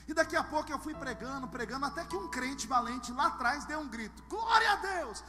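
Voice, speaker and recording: High-voiced Brazilian man preaching a sermon. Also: brisk. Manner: dramatic preaching, swings from hushed to shouting; humorous storytelling with acted dialogue. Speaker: pastor. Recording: live sermon with long hall reverb and music underneath.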